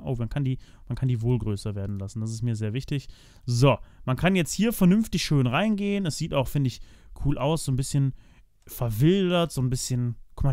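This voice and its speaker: A man's voice: medium pitch, a little mellow, no echo, clean studio sound. Chatty man narrating his game build. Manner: chatty, talks to viewers as "meine Freunde"; thinks aloud while building, frequent restarts and fillers. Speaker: let's play host. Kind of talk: casual gameplay commentary.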